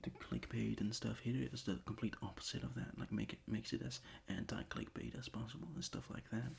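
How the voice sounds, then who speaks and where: A fairly low-pitched man speaks briskly in a soft, whispered ASMR chat from his bedroom desk. English isn't his first language, and he wanders off topic, seems scatterbrained, and frequently begins again. Objects crinkle and crumple in the background of a home recording with obvious noise.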